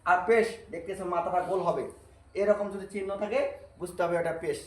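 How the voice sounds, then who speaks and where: High-voiced man teaching Arabic letters. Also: steady tone, roomy sound, rough recording. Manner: repeats drills slowly and patiently, asks and answers own questions. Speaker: Quran teacher. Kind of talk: Arabic reading lesson.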